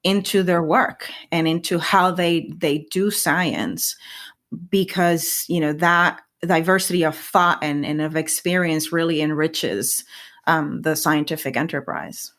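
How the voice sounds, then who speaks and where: A deep, somewhat bright voice, a little slow, belongs to a Puerto Rican woman in her thirties who grew up speaking Spanish. She's a guest scientist in a podcast interview, thinking aloud reflectively with many restarts and repeated words.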